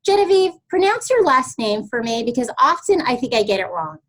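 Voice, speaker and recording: A woman hosting an online artist webinar over a video call, introducing her guest effusively with many pauses and fillers. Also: sits high, sing-song, a bit bright, low-quality recording. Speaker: host of online workshop. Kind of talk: webinar interview.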